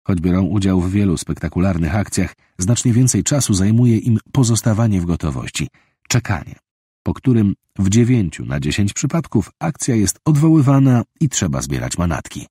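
A man reads a thriller audiobook with a deep, slightly husky voice. His delivery is steady and measured, and the studio recording sounds dry and close. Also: no echo. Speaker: audiobook narrator. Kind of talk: scripted thriller narration.

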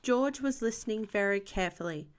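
A woman host reading a children's picture book aloud as an animated storyteller. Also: medium pitch, fairly quick.

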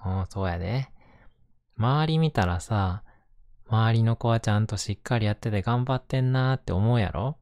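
A man with a Kansai accent talking gently and casually in a reassuring, intimate ASMR bedtime style, close to the microphone. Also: on the low side, moderate pace, no room sound. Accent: Kansai Japanese. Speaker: host reading bedtime picture books to listener.

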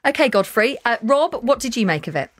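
A woman in her thirties hosting a live radio discussion from a studio, chatty and brisk. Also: on the high side, dry recording. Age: 30s. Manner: brisk, chatty, lively presenting. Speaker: radio show host.

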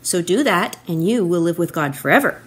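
A woman voicing Jesus as a gentle teacher in a children's Bible story, instructive and kind. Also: fairly low pitch, lively intonation, fairly quick, husky.

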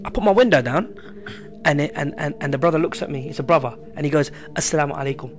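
A man, telling a personal story in casual podcast chat, animated and full of slang. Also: on the high side, fast. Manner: animated, slangy, repeats himself. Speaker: podcast guest. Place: small room with a poster wall. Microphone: studio mic on a stand.

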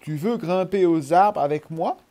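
Man putting on a raised, eager young snake voice, restless and stubborn, for a storybook, dark tone underneath. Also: on the high side, pitched above the performer's own voice, close to an everyday voice. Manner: eager, quick and insistent. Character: young bright-yellow python, restless and stubborn.

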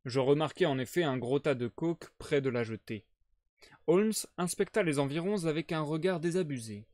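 Man reading a novel aloud, fairly high voice. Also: moderate pace, dry recording, studio quality. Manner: steady, clear storytelling narration. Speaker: reader.

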